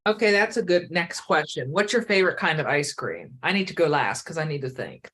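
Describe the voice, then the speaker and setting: Playful female co-host, lowish voice with a lively range, casual sewing chat. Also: brisk, breathy edge, rough recording. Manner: playful, laughs easily, makes silly sound effects.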